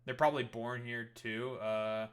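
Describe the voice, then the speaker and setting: A man's voice: medium pitch, flat delivery, unhurried, fairly bright tone. A man streaming and reacting to clips, talking in a heated, sarcastic, swear-filled rant. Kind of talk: profane rant commentary.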